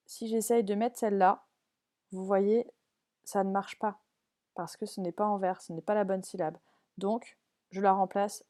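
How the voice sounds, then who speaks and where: Give me a patient woman primary school teacher with a mellow voice, explaining a learning app step by step. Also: medium pitch. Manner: patient, step by step, often checks with "d'accord?". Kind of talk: screen-recorded app walkthrough for parents and pupils.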